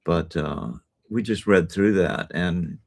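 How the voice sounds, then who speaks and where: A man's voice: sits low, slow pace, creaky, darkish tone. A man hosting a casual chat, talking in a laid-back, hesitant way. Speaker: host.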